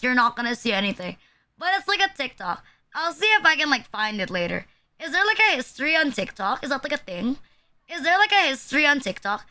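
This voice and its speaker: A woman's voice: high-pitched, bright, forceful tone. A young woman streaming live, chatting casually and bluntly, rambling with lots of "like" and crude jokes. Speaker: VTuber streamer.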